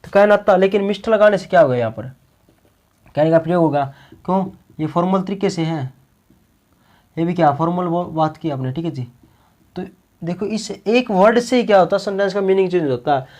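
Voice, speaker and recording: A man's voice: high voice, brisk, darkish tone. A male teacher giving a classroom grammar lecture, peppering it with rhetorical questions and repeated "okay ji" check-ins.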